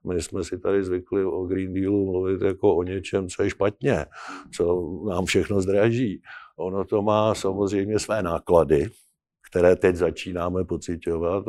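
A man commenting as a guest in a political discussion, speaking in an earnest, persuasive and measured way. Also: low voice, warm tone.

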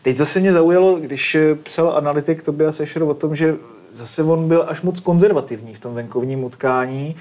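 A man's voice: on the high side, hardly any pauses, a little mellow. A man hosting a casual football discussion, talking in a colloquial way and putting questions to his guests.

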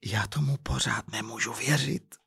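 A man reading the lines of a shaken middle-aged wife in a soft, colorless voice. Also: medium pitch, vocal fry, slightly rough, no echo, exaggerated voice. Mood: flat subdued. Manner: soft, flat, subdued.

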